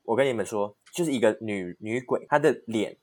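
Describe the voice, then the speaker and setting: A man co-hosting a podcast, telling a ghost story in a casual, animated way with frequent laughter. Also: fairly low pitch, a little fast. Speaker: podcast co-host.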